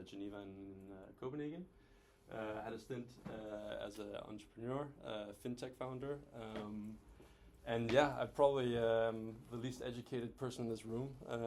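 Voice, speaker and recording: A Danish man in his thirties, raised across several countries, speaks as a guest speaker and COO of a venture capital firm. His presentation is informal and self-deprecating with hesitant phrasing, delivered in a lowish, darkish voice over a little hiss or hum.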